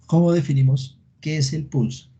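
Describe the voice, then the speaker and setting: Over a video call, through his computer mic, a man lectures on veterinary topics, explaining step by step, quizzing students, and leaning on frequent "eh" fillers. He speaks in a slightly high, warm, husky voice with fairly even intonation, and the recording is dull and lo-fi.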